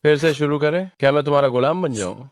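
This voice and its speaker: Over faint music, a male actor dubs a cold, scornful young man newly come into money, his cutting, contemptuous lines delivered in a fairly high, animated voice at a quick pace. The dubbed drama dialogue is recorded with clean studio sound and no echo.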